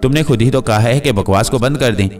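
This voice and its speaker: A man's voice: mid-range voice, a little mellow, pitched above the performer's own voice, close to an everyday voice. Give me a sly, mocking comic suitor, put on by a man, heard from a distance. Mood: cheeky. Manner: mocking, quick-witted. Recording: distant mic with faint music.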